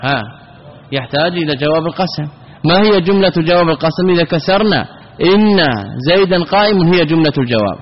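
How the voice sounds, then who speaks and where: A man's voice: fairly high pitch, fast. Man, grammar teacher, lesson, asks questions and answers them, dull lo-fi sound. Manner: explanatory, poses questions then answers them. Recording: dull, lo-fi, with long reverb.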